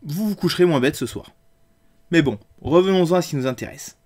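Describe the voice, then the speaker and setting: A man's voice: a little high, fairly quick, a little mellow. A man hosting a tabletop game review show, talking in a sarcastic, crude and theatrical monologue.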